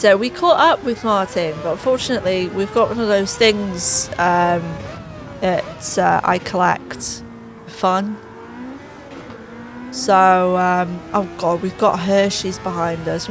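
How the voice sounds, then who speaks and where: Losing her voice, a woman hosting a gaming channel gives sarcastic and exasperated narration over a racing game, set against clear background music. She keeps a measured pace at medium pitch, with background noise audible.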